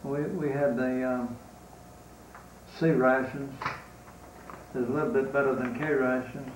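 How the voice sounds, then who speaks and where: An elderly man with a Southern US accent remembers his time as a soldier in a halting, unscripted way. He speaks slowly and evenly, with long pauses. The recording is roomy and distant from the mic. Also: medium pitch, steady tone, noisy background. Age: 80s or older. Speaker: war veteran being interviewed. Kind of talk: unscripted reminiscence in an interview.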